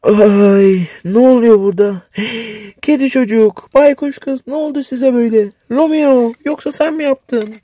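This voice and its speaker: A man voicing a young boy superhero in a toy play video, talking in a high, loud, excited way. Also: unhurried, hardly any pauses, no room sound. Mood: alarmed.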